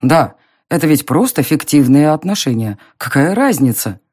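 A narrator playing a smug young nobleman who mocks and teases in an audiobook reading, with a slow, drawling, low delivery. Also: big pitch swings, a little mellow, slightly rough. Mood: mocking.

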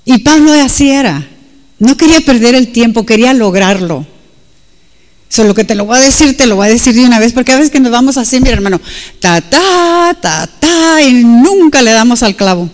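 A woman's voice: on the high side, brisk, darkish tone, long reverb tail. Emphatic woman preacher. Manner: switches between Spanish and English, emphatic and repetitive. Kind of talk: sermon.

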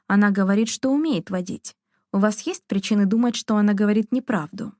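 A woman reading the lines of a genial, amused prince in a novel, in a mellow, dry voice. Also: mid-range voice, brisk, no echo, lightly acted. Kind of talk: audiobook character reading.

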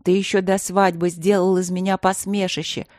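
A woman reading a novel aloud, voicing a desperate, furious queen who shouts and sobs accusations at her husband. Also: fairly low pitch, flat delivery, normal speed, no echo, studio quality, close to an everyday voice. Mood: anguished fury.

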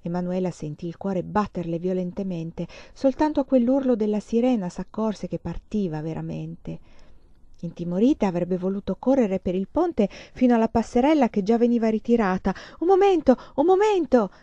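A woman reading a literary novel aloud in a measured, expressive way, letting sad phrases sink softly. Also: mid-range voice, no echo, dull audio. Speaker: audiobook reader. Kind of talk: literary audiobook narration.

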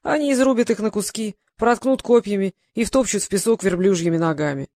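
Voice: mid-range voice, a little fast, warm tone, no room sound, studio quality, natural voice. The audiobook narrator voicing a fierce, fawning male advisor eager to cut down his enemies. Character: bloodthirsty male warlord advisor, eager to kill.

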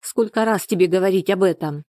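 The audiobook narrator voicing a scornful, sharp-tongued young woman from a village who scolds in short bursts. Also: medium pitch, normal speed, no echo, clean studio sound, close to an everyday voice. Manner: snapping, scolding.

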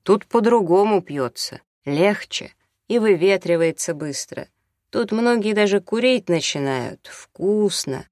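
A man's voice: high-pitched, expressive, unhurried, darkish tone, no room sound, studio quality, pitched above the performer's own voice. A man reading an audiobook, voicing a brash, hard-drinking doctor who jokes and orders people about. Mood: bossy. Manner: jokey, bossy, offhand.

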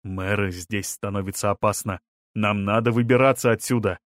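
A man reading the lines of an urgent male companion who shouts commands to get a woman out of a crowd. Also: fairly low pitch, fairly even intonation, normal speed, dry recording, natural voice.

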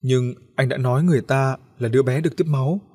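A grieving doctor speaks quietly and gravely, as the narrator voices him. The tone is husky and sits at a middle pitch. It comes from a spoken storybook. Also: male voice, quick pace, close to an everyday voice. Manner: grave, subdued.

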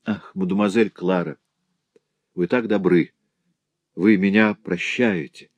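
A man reading aloud and voicing a meek young girl who speaks softly and humbly, in a dry recording. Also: sits low, steady tone, takes it slowly, dry recording. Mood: humble.

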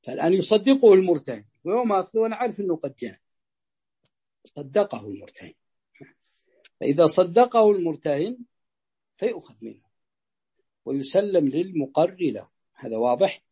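A man teaching jurisprudence to students, explaining slowly, repeating phrases and checking whether they understand. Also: high-pitched, sing-song, dark tone, slightly rough. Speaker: sheikh teaching Islamic jurisprudence. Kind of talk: explaining a fiqh text to students.

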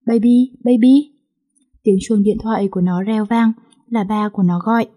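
A woman reading a romance novel aloud in a plain, unhurried storytelling manner. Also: mid-range voice, steady tone, mellow. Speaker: story reader.

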